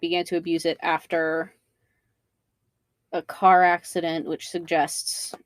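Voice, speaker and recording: A woman's voice: on the low side, level tone, a little slow, dry recording. A woman co-hosting a podcast, chiming in with blunt, offhand comments and asides. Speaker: podcast co-host. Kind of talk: casual chat, reacting and commenting.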